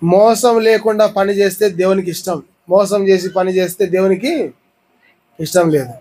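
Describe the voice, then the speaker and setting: Man, high voice, Rayalaseema Telugu accent, pastor, sermon, repeated questions to listeners. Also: steady tone, normal speed, a little mellow, breathy edge, poor audio. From India. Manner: repeated questions to the congregation, teaching with everyday examples.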